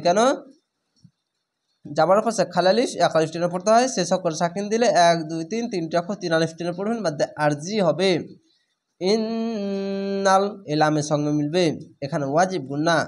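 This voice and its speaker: A man with a fairly high voice teaches Quran reading in a patient lesson. He names each letter and vowel mark in turn, then draws the whole word out slowly and carefully. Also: a little mellow. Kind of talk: spelling-out recitation lesson.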